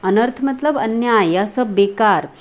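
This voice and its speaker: A woman teacher walking through a lesson and explaining word meanings one by one in a steady, patient way. Her voice sits at a middle pitch for a woman. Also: a little slow.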